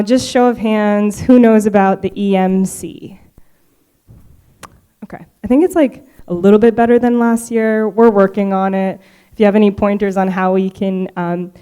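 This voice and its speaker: A woman presenting her marine work at a conference, speaking to the audience in a friendly, chatty way. Her voice is mellow and smooth, with a middle pitch. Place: conference hall.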